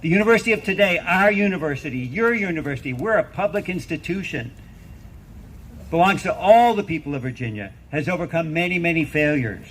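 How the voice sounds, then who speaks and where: A man delivers a rally speech in a somewhat high-pitched voice. He is emphatic and deliberate, leaning on repetition and rhetorical questions. There is clear noise behind him, as at an outdoor public address. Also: animated, fairly bright tone. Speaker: university professor speaking at a rally.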